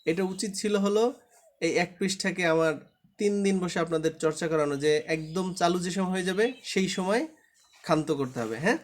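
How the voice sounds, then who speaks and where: A man's voice: sits high, fairly quick. Patient man drilling letters aloud. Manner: patient, drills letters aloud, asks the class to check understanding. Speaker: Quran reading teacher. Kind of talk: online class lesson.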